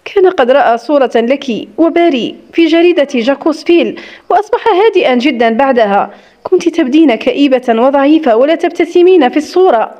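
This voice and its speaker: A woman voicing a young woman, a loyal friend who speaks gently and soothingly, in an audiobook story. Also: sits high, lively intonation, fast. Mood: gentle.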